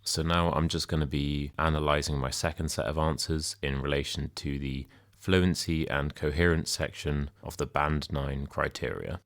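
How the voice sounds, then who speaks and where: A young man with a modern British accent gives an explanatory English lesson. His voice is extremely deep and recorded dry, with very little room sound. He explains in a measured, plain-spoken way. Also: fairly even intonation, a bit bright, no room sound. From United Kingdom. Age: young adult. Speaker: English speaking tutor. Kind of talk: explanatory language lesson with sample exam answers.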